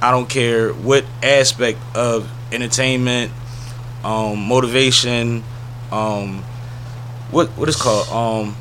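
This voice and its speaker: A man's voice: mid-range voice, fairly even intonation, slow, a bit bright. A man hosting a casual podcast interview, talking loose and slangy with lots of fillers. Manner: laid-back slangy talk with fillers. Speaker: podcast host. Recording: faint background noise.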